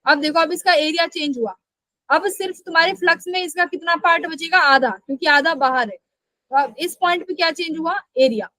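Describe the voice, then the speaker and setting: A woman with a very high, bright, forceful voice teaches a live online physics class at a fairly quick pace, posing questions and answering them herself. She also scolds students who skip class. The recording is dry and of low quality.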